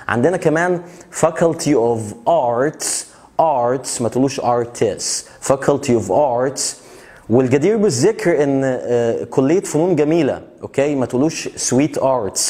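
A young man with an Egyptian Arabic accent teaching English vocabulary in a casual video lesson. He jokes between words and slows right down to stretch each English term out for pronunciation practice. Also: mid-range voice, mellow. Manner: joking, chatty asides.

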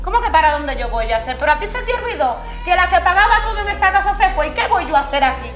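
Woman as a sassy spoiled mistress, shrill fast voice, roomy echo. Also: sing-song, faint music behind. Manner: sassy, bossy, sugary "mi amor". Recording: echoey room.

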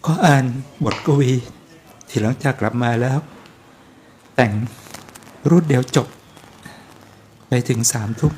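A man's voice: medium pitch, slow pace, long pauses, a little mellow, slight background noise. A man who is a Buddhist monk, giving an earnest, aggrieved spoken rebuttal. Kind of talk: monk's spoken commentary.

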